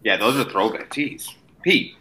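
A man's voice: medium pitch, animated, a little slow, pushed and bright, slight background noise, poor audio. A man co-hosting a podcast in casual chat, talking like a laid-back frat bro with slang and swearing. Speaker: podcast co-host.

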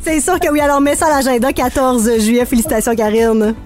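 A woman hosting a morning radio show, running contests in an upbeat, brisk way. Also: sits high, steady tone, over loud music.

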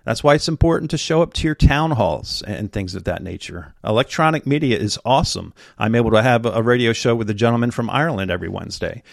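A man's voice: medium pitch, expressive, fast, vocal fry, hardly any pauses, no room sound, studio quality. A man hosting a political talk radio show, urging listeners to act locally in an urgent, rallying way.

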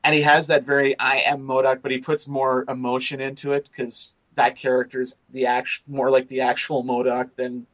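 A man's voice: mid-range voice, completely flat delivery, moderate pace, few pauses, fairly bright tone, rough recording. A man co-hosting a casual podcast chat, rambling and restarting his sentences. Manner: rambling, restarts often, laughs while describing. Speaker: podcast co-host. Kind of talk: casual chat reviewing a cartoon series.

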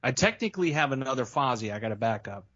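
A man's voice: medium pitch, expressive, fast talker, a bit bright. A man chatting casually over a video call, telling rambling, self-mocking stories. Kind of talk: casual chat. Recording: slightly muffled sound.

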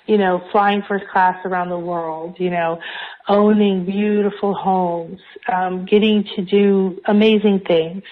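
Through a narrow, phone-like line comes a woman with a medium-pitched voice. She speaks as a spiritual coach hosting a group call, guiding her listeners as in a meditation session. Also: steady tone, takes it slowly. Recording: thin, phone-like call audio.

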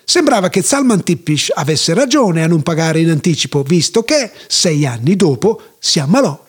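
A man narrating a folk tale in a measured, even storytelling manner. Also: a little high, slightly rough.

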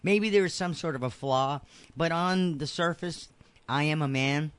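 A man's voice: on the high side, moderate pace, clean tone. A man hosting a casual radio talk show, joking and laughing as he describes apps. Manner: jokey, laughs while talking. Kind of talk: casual studio chat.

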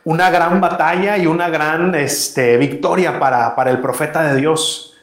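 A man's voice: a little high, fairly even intonation, a little slow, fairly bright tone, reverberant. A man preaching a sermon as a pastor, talking conversationally and asking his congregation questions.

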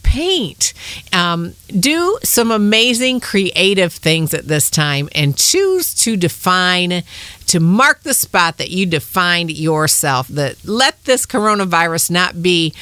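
A woman's voice: on the low side, sharp tone, dry recording. Upbeat encouraging woman podcast host. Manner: upbeat, encouraging, speaks straight to listeners. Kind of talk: motivational talk.

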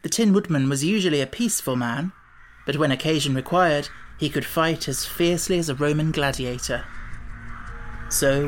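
Low-voiced woman reading a storybook. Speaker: audiobook narrator. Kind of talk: scripted storybook narration.

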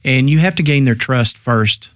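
A man with a mid-range voice speaks as a coach being interviewed. He is conversational, halting and measured, feeling his way through each point. The recording is close and very dry. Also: medium pitch, lively intonation, a bit bright, dry recording. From Texas, United States. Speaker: business coach and guest.

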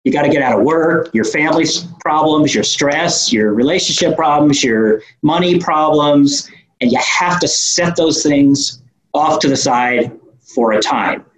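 A man's voice: fairly high pitch, measured pace. A man with a New York accent giving informal, explanatory answers in a conversational interview. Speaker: guest business owner. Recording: echoey room sound.

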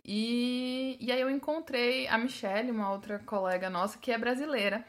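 A woman's voice: a little high, steady tone, normal speed. A Brazilian woman with a mixed São Paulo, Sergipe and Minas accent, giving a casual English-teaching talk full of restarts and fillers. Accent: Brazilian Portuguese, mixed São Paulo, Sergipe and Minas.

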